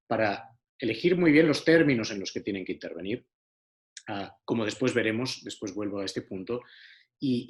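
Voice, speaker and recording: A man giving an earnest online talk to a citizens' assembly, repeating himself with many fillers, over a video call. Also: medium pitch. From Spain. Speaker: speaker on deliberative democracy.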